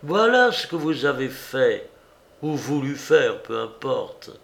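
A man reading a novel aloud voices a proud young woman who hurls bitter, vehement accusations, slowly and with a creaky grain. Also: medium pitch, very animated, heavily acted. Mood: scornful, indignant. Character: proud, scornful young woman, furious heiress.

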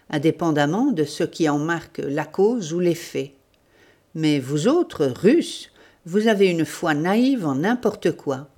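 A woman's voice: low-pitched, a little mellow, exaggerated voice. A woman reading the part of an earnest young woman in a storybook. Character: earnest young woman defending her father.

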